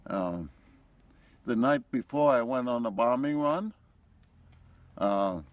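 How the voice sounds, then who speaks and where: A man's voice: mid-range voice, dry recording. A man in his nineties, a war veteran telling wartime stories in an interview and chuckling through his anecdotes. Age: 90s. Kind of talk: recounting wartime memories.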